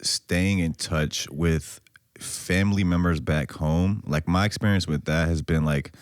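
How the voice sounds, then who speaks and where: Podcast host guy, super deep voice, easygoing chatty stories, dry mic. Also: measured pace, dry recording. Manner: easygoing, storytelling with fillers. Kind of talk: casual podcast chat.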